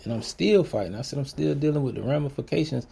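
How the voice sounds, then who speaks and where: A man's voice: mid-range voice, lively intonation, fast talker, gravelly, dark tone, a little hiss or hum. A man hosting a podcast, telling a personal story in a blunt, profane, emphatic way that turns motivational. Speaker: podcast host.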